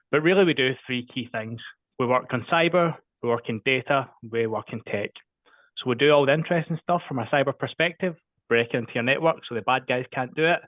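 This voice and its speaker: A man with a Scottish accent pitches his business in a brisk, matter-of-fact way. His voice comes through a narrow, phone-like video call line. The sound is dry, with no room around it. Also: no echo. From Scotland. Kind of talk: short networking pitch.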